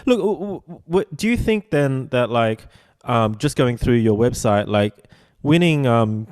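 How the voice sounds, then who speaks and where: A man in his forties hosting a casual podcast interview, asking rambling questions with halting restarts, fillers and casual swearing. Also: medium pitch, expressive, darkish tone, clear, resonant tone. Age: 40s. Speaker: podcast host.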